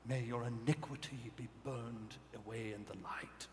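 A man voicing Asmodeus, a remorseful male devil, speaking quietly, low and grave. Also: fairly even intonation, unhurried, lightly acted. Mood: solemn. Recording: live hall reverb, faint noise.

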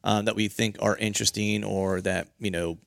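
Gravelly, low-voiced male podcast host. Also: fairly even intonation, moderate pace, dry recording, clean studio sound. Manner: jokey, rambling, conversational. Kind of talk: casual podcast chat.

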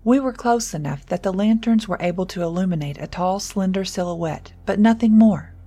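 A woman narrating a scripted horror story in first person, measured and suspenseful. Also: mid-range voice, warm tone, husky.

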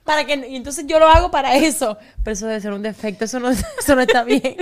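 A woman's voice: high-pitched, quick pace. A woman guest on a casual podcast chat, bantering and laughing at herself. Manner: laughing, self-mocking banter.

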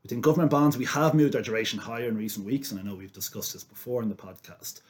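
A man with a fairly deep voice talks as an expert guest on a finance podcast. His delivery is businesslike and measured, laid out as explanation.

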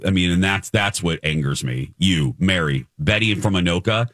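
A man's voice: sits low, normal speed, fairly bright tone, no echo, clean studio sound. A man hosting a morning radio show, chatty and emphatic, repeating phrases for effect. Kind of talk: radio talk, chatty commentary and teases. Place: dry radio studio.

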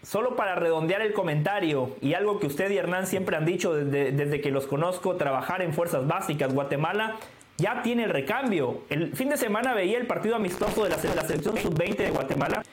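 Man, high voice, football pundit, earnest, emphatic, echoey studio. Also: a little fast. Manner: earnest, emphatic, repeats key points. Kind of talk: sports talk show commentary.

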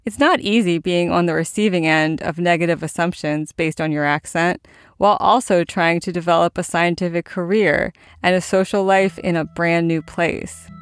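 A woman hosting a podcast, reading scripted narration in a calm, even, polished way. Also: fairly low pitch, moderate pace, clear, resonant tone, dry recording, studio quality.

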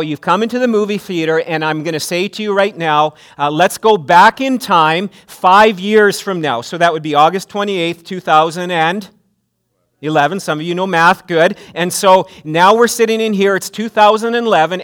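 A man's voice: high-pitched, a bit bright. A man preaching a sermon at a pulpit microphone in a church, earnest, often restarting phrases and building to emphatic preaching. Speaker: pastor. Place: church sanctuary.

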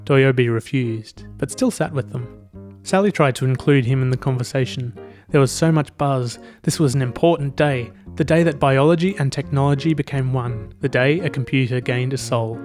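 A man narrating a story in a steady storytelling voice, reading the characters' dialogue as he goes. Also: mid-range voice, moderate pace, soft background music. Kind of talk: scripted narration.

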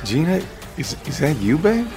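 Man as a sloppy, slurring drunk guy in his forties, high and all over the place, some music behind. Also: big pitch swings, normal speed. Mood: groggy. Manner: slurring, panicky and defiant.

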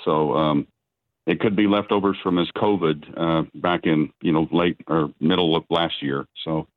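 A middle-aged man with a very low voice speaks haltingly, stopping and restarting his sentences. He comes through a dry, tinny phone line with no room sound. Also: fairly even intonation, no echo. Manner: halting, many restarts and fillers. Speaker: father of a freed prisoner, guest. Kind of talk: remote news interview.

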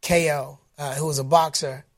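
An animated man from Detroit, speaking as a guest in a relaxed interview. His voice sits fairly high for a man. He talks in an upbeat way, with plenty of fillers and restarts. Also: moderate pace. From Detroit, United States. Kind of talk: casual interview storytelling.

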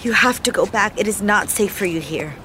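A middle-aged woman playing a defiant, protective mother on the run in an audio drama, blunt and sharp-tongued. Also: mid-range voice, expressive, a little fast, slight background noise. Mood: stern, worried. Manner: blunt, swearing.

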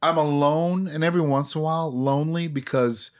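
A man's voice: a little high, steady tone, brisk. A man in his late forties, an actor talking candidly and reflectively in a conversation, often restarting his sentences. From Minneapolis area. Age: 40s. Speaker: actor, guest.

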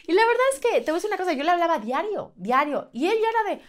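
A woman in casual podcast chat, an animated storyteller who acts out the voices she quotes. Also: very high-pitched, racing. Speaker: podcast guest.

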